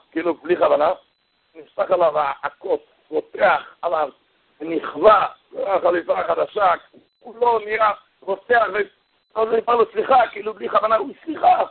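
Man, sermon stories, husky high voice, animated character voices, lo-fi radio sound. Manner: animated storytelling, voice jumping high for quoted characters. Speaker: rabbi giving a Torah talk. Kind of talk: storytelling sermon. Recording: tinny phone-like radio broadcast.

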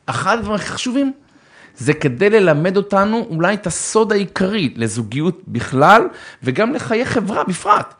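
Animated, expressive man. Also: sits high. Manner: theatrical, acts out both sides of arguments, bursts into shouts; addresses listeners warmly as brother. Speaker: speaker giving marriage advice. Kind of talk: animated religious talk on relationships.

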